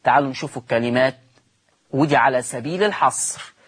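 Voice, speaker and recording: A man with an Egyptian accent teaches recitation rules in a televised religious lesson. His voice is husky and a little breathy, set at a middle pitch for a man. He repeats each rule slowly and keeps turning to his listeners with questions. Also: a bit bright. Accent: Egyptian Arabic.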